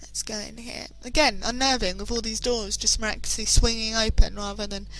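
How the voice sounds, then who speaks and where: British woman, gameplay commentator; casual, self-deprecating, slightly high voice. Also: steady tone, brisk, a bit bright, rough recording. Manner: chatty, self-deprecating, hesitant with fillers.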